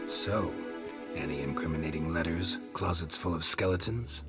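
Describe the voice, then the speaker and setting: An actor playing a gruff, world-weary monster hunter in a video game, terse and dry with a gravelly voice. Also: male voice, low-pitched, moderate pace, loud music behind the voice. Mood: dry, laconic.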